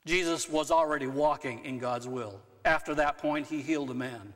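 A man's voice: a little high, normal speed. A male pastor giving a conversational sermon, now and then acting out quotes with a raised voice. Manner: conversational, rising to animated acted-out quotes. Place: church sanctuary. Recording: long church hall reverb.

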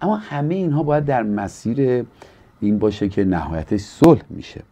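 Earnest and preacherly, this Iranian pastor teaches on a studio talk show in a mellow, sing-song, medium-pitched voice. When quoting others, he voices them with extra liveliness.

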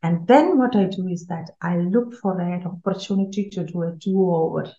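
A woman's voice: lowish voice, normal speed, dark tone. Earnest woman giving a parenting talk. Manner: earnest, repeats key words for emphasis. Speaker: parenting speaker. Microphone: video call. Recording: roomy, slightly dull online call audio.

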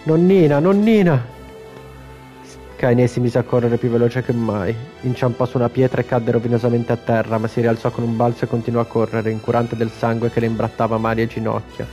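A man with an Italian accent reading a video game's story aloud in a steady, unhurried way, with brief casual asides. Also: mid-range voice, soft background music. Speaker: gamer reading game text.

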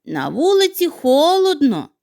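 Hedgehog, voiced by a woman narrator: small shy male critter, earnest and fretful, soft lifted tone, kids' audio tale. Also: high-pitched, huge pitch swings, unhurried, creaky, pitched above the performer's own voice, exaggerated voice. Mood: gentle. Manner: gentle, worried, earnest. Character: kind, timid little male hedgehog.

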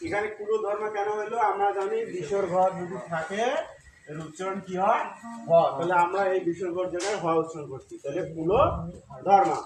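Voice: mid-range voice, fairly even intonation, a crowd in the background. Distant teacher in an echoey room. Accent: Bengali. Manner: explains slowly, chants verse syllable by syllable, asks students questions. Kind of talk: Sanskrit pronunciation lesson. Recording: echoey room from far off with loud noise.

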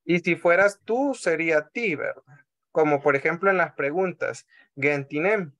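A man with a Salvadoran Spanish accent teaching a language class over a video call, patient, often repeating words slowly and checking in with the class. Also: a little high, fairly bright tone, dull audio.

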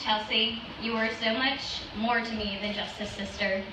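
A young woman delivers a matron of honor's speech in a high voice. She takes it slowly, partly reading from notes. The sound is heavily reverberant, caught from a distance over a PA. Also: fairly even intonation, background noise. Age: young adult. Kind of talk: wedding toast speech, partly read from notes. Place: open-sided wedding reception tent. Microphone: stand microphone through PA, filmed by audience phone. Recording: echoey PA heard from off, faint music.

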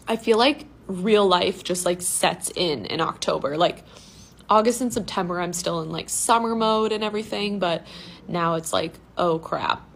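A woman's voice: lowish voice, normal speed, vocal fry. A young adult woman chatting casually to camera as she eats, her mouth sometimes full. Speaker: teacher vlogger. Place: indoor school room with drop ceiling. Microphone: phone propped at arm's length.

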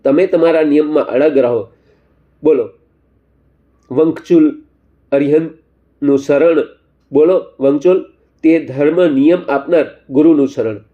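A man doing a devout, steady friend. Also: on the high side, measured pace, pauses often, phone-quality sound, close to an everyday voice. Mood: exhorting. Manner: calm, exhorting. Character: devout male lay friend, steady and sincere.

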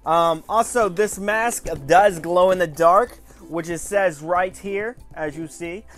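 In a small room at home, a man in his twenties with a noticeably high voice reviews a toy on camera. He talks slowly, casually, and enthusiastically, like a chatty online show host, with soft music playing beneath.

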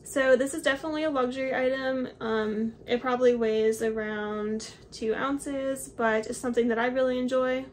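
A young hiking vlogger in her twenties chats through her gear on camera in a small home office, explaining items as she holds them up. Her high voice keeps a fairly even intonation at a moderate pace with hardly any pauses, and there's a little hiss or hum.

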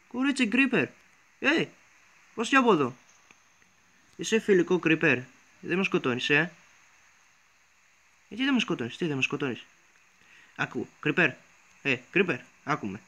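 A young man giving let's-play commentary on a game. He swings between quiet muttering and panicked, sweary yelling. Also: fairly high pitch. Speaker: gamer.

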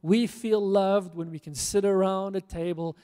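Unhurried and clear, with a dark, resonant tone and fairly even intonation, this high-sitting voice belongs to a middle-aged pastor from South Africa. He preaches his sermon into a handheld mic on a church stage in a large hall, earnest and rousing with emphatic repetition, under long reverb.

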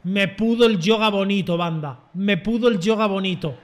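Young guy yelling and joking over a football game, high voice. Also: moderate pace. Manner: excitable, joking, shouts at plays. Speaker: gaming streamer. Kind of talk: live gameplay commentary.

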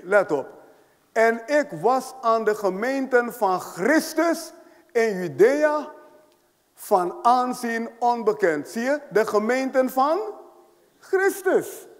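A man preaching a sermon as an apostle to a congregation, stressing his points, repeating them and checking in with rhetorical questions. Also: sits high. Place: church hall with congregation. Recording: long hall reverb.

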